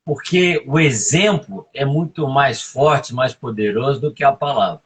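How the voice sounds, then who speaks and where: A man with a mid-range, slightly rough voice speaks a little slowly as a guest in a live interview. He gives emphatic leadership advice in a coaching way, often tagging his points with "right?"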